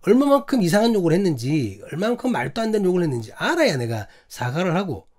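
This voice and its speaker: Male pastor, Gyeongsang accent, sermon storytelling, very lively pitch, acts out dialogue. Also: quick pace. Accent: Gyeongsang Korean. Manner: animated, acts out quotes, asks the congregation questions.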